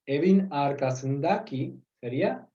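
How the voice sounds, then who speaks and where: A man's voice: on the high side, lively intonation, slow, mellow. Hesitant male teacher on a dull call. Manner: patient, explaining, checks understanding with tag questions; hesitant, many fillers. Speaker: Turkish teacher. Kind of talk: online group lesson. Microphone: video call.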